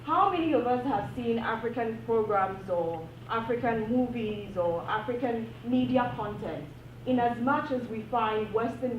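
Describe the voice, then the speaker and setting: A woman from Ghana whose first language isn't English speaks in a higher voice as a PhD academic on a panel at a university event room. Her remarks are earnest and impassioned, repeating phrases for emphasis. The audio is echoey and dull from a distant mic, with a little hiss or hum.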